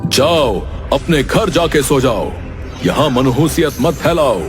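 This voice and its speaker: A man's voice: medium pitch, sing-song, slow pace, music in the background. A man playing a stern, commanding and easily exasperated god of death in a cartoon. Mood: irritated. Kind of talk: Hindi cartoon dialogue.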